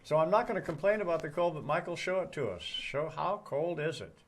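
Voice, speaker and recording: A man's voice: on the high side, lively intonation, fairly quick. A man co-hosting a casual morning chat show, talking in a folksy way with wry, joking asides.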